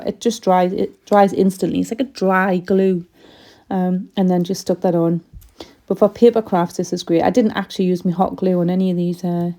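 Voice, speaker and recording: Chatty woman, mellow voice. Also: mid-range voice. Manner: chatty, rambling, frequent ums. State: losing her voice a little. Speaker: craft vlogger. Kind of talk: casual craft tutorial voice-over.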